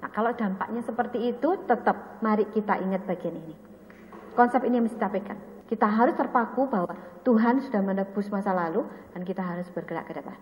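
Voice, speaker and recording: A woman's voice: medium pitch, fast, highs cut off, a little hiss or hum. A woman evangelist with an Indonesian accent gives a teaching sermon at a retreat, telling stories and acting out the dialogue in them. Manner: animated storytelling, acts out dialogue. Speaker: evangelist speaker at a staff retreat. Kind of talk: teaching sermon with personal story. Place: retreat hall. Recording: roomy hall with long reverb.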